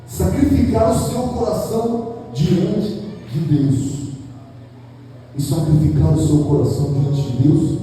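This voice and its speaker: A man preaching a sermon in a church, swelling to emphatic peaks and asking rhetorical questions. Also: on the high side. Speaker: pastor. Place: church hall. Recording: echoey church hall, mic at a distance, soft music.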